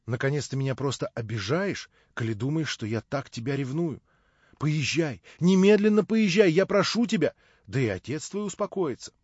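A man's voice: mid-range voice, expressive, moderate pace, slightly rough, no echo. A man reading an audiobook, voicing an anxious, fretful young woman who pleads urgently. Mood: pleading. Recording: dull, dry lo-fi recording.

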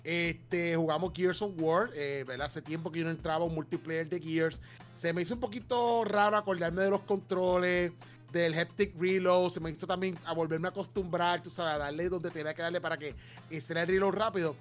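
A man's voice: a little high, steady tone, a little fast, soft background music. A man co-hosting a casual gaming chat, laid-back and chatty, laughing often. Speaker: podcast co-host.

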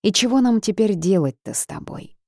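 A woman's voice: medium pitch, expressive, brisk, creaky, darkish tone, dry recording, studio quality, voice pushed up. A woman voicing a secretive, gluttonous male forest creature with a wry, teasing manner.

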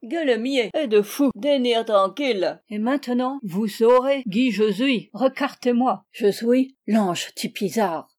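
A woman reading a storybook voices a drunken, bullying male spirit with a thick German accent who slurs and mangles his consonants loudly. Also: fairly high pitch, measured pace, few pauses, close to an everyday voice. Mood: blustering. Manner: slurred mangled consonants, loud and blustering.

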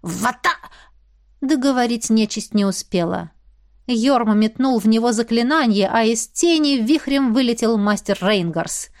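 A woman giving an expressive, dramatic reading as a fantasy audiobook narrator. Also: on the high side, normal speed, dry recording, clean studio sound.

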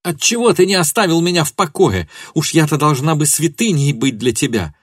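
In a literary audiobook, a male narrator voices a furious, betrayed young woman, pitching his voice high and loud as she spits bitter, scornful accusations with venomous contempt. His delivery is expressive, brisk and husky, with a furious, bitter mood. The recording is close and dry.

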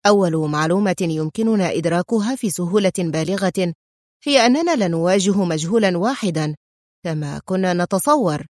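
A woman reading the lines of an angry, sharp intelligence officer in an audiobook story, speaking forcefully and lecturing. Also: on the low side, expressive, fairly quick, no echo, clean studio sound, natural voice.

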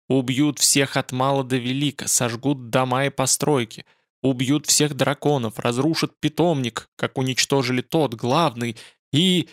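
A man narrating a fantasy audiobook in a measured, dramatic way. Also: medium pitch, no room sound, clean studio sound.

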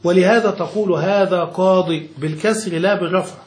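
A man with a high voice teaches grammar to a student, restating every point in simpler words and checking that it landed. The room is echoey. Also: fairly quick. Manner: patient, repeats and rephrases each point, checks understanding. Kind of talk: explaining a grammar text to a student.

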